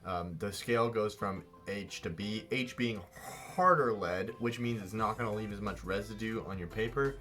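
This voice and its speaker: A man's voice: on the low side, moderate pace, few pauses, sharp tone, soft background music. A man co-hosting a casual drawing tutorial, talking in a rambling, playful way and often correcting himself. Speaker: art show co-host.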